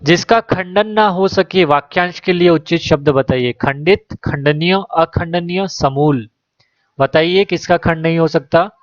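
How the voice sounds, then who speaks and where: A man's voice: fairly high pitch, unhurried, no room sound, muffled recording. A man who works as a teacher, going through exam questions one by one: he reads each question and its options, then gives the right answer.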